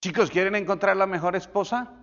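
A male pastor telling stories in a sermon, swinging from loud, high bursts to hushed, near-whispered lines. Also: a little fast. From Colombia. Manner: animated storytelling with sudden drops to near whisper. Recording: dull echoey church hall.

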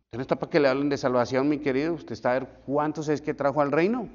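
A man in his forties, a pastor preaching a sermon in an animated way and acting out the voices he quotes. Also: mid-range voice, quick pace. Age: 40s. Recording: echoey hall, dull lo-fi sound.

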